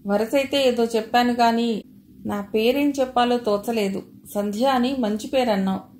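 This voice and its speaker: A woman reading the part of a confident young woman who takes charge with brisk, steady speech, in a roomy recording with faint ambience. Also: a little high, a little hiss or hum, natural voice. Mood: amused.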